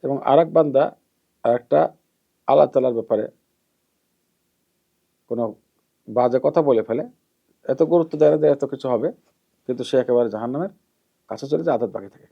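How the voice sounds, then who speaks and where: Preacher guy explaining a hadith, measured and repetitive, phrases fade out soft, kinda muffled recording. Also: medium pitch, creaky, breathy edge. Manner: measured, repeats key terms, often trails off softly at the end of a phrase. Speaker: Islamic preacher. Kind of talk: hadith lesson, explaining and admonishing. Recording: dull lo-fi recording.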